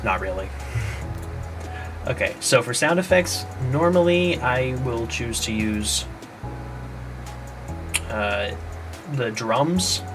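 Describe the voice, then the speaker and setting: A man's voice: medium pitch, animated, takes it slowly, pauses often. A man developing a game, casually talking himself through playtesting and trailing off mid-thought. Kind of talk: casual think-aloud dev stream. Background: background music.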